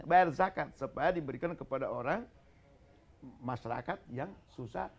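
A male religious teacher on a television studio set, teaching how to pronounce Arabic letters. His pitch rises and falls with plenty of life as he drills the sounds aloud. He keeps things light and jokes with his learners. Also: lively intonation, moderate pace, creaky.

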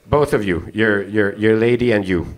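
A young man with a lowish, fairly even voice does stand-up crowd work at a comedy club, teasing the audience through a handheld mic. He's half Hungarian, half South African, trading quick banter full of laughs, recorded live amid audience laughter.

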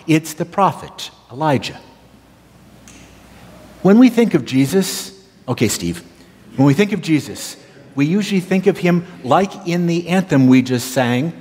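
Pastor guy telling a bible story in a sermon, kinda high voice, big echoey church. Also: darkish tone. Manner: storytelling, emphatic, addresses congregation by name. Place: church sanctuary. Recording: reverberant church sanctuary.

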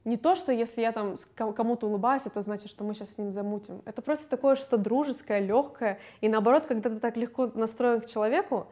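A young woman, a singer, talking candidly and casually in an interview, chatty and quick to laugh. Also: on the high side, warm tone.

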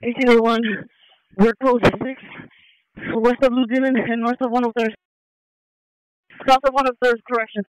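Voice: medium pitch, little pitch movement, moderate pace, pauses often, smooth, no room sound, low-quality recording. A police officer calling in clipped, terse updates over a police radio. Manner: clipped, procedural. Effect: police radio transmission. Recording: police scanner radio audio.

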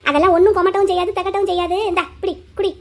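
A woman's voice: very high-pitched, level tone, very fast. A woman voicing a caring older sister-in-law in a cartoon story, who keeps coaxing and insisting. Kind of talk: Tamil cartoon voice acting.

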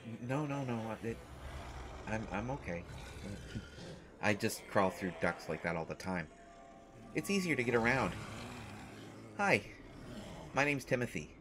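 A man's voice: lowish voice, big pitch swings, a little slow, long pauses, background noise. A man playing a shy, nervous survivor, speaking with constant stammers and restarts in a rambling, self-deprecating way. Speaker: audio roleplay performer. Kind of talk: scripted audio roleplay monologue.

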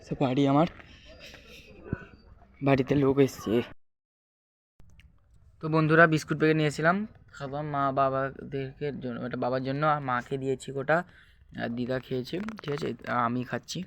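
A young man, slightly hoarse, chatting casually to viewers in a daily vlog and often asking if they are following. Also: mid-range voice, flat delivery, normal speed, pauses often, fairly bright tone, slight background noise. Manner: chatty, keeps asking "ঠিক আছে?". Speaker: vlogger. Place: outdoors in a village, fields and lanes. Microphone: handheld phone.

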